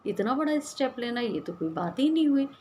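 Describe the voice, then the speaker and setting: A woman doing a soft, hesitant older father. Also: a little high, sing-song, a little fast, a little hiss or hum, voice pushed up. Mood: reasoning. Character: soft-spoken older father, yielding and worried.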